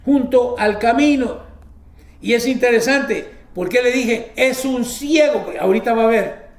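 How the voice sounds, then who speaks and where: Man preaching slow, lots of exclaiming, sounds like a roomy echoey hall. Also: very high-pitched. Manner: emphatic, exclaims often, reads scripture aloud. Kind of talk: sermon.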